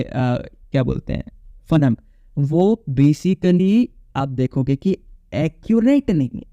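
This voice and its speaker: A man's voice: sits high, dark tone, no echo, muffled recording. A male English teacher giving a casual exam-prep phonetics lecture, repeating points and checking in with his students. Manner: casual, repetitive, checks in with "okay?".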